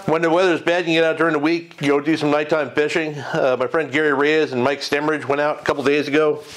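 On a low-quality recording with slight background noise, a middle-aged man whose voice sits on the high side rambles through an unscripted fishing report. He's in his home garage before a green screen, using a lapel mic, and keeps restarting, correcting himself and filling gaps.

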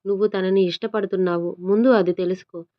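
A woman's voice: medium pitch, steady tone, a little fast, close to an everyday voice. A woman voicing a bold, outspoken young woman who talks in threats, on a dull lo-fi recording. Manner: brash, threatening.

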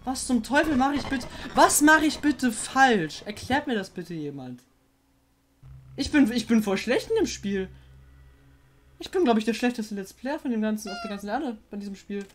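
A woman playing a horror game and commenting, jumpy and excitable, often swearing and coaxing the monster on screen. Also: fairly high pitch, normal speed, slight background noise. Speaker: let's player.

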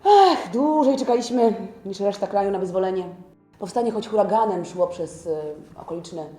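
A woman's voice: medium pitch, lively intonation, normal speed, mellow, soft background music, lightly acted. An actress playing an earnest 1920s newspaperwoman, recalling events as a witness in reflective, dramatic storytelling for a historical drama. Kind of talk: theatrical historical audio drama.

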